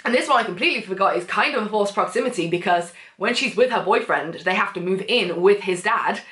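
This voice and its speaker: A woman chattily recommending books, gushing and full of fillers with big swings in pitch. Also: lively intonation, fast, fairly bright tone. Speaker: book vlogger. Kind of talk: casual book recommendations. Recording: echoey room.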